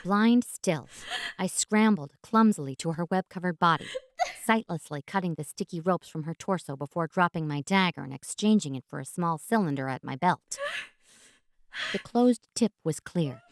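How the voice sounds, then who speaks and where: A woman with a fairly low voice reads fantasy fiction as an audiobook narrator. Her delivery is theatrical and deliberate, with dramatic pauses, in a dry, close-sounding recording. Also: no echo.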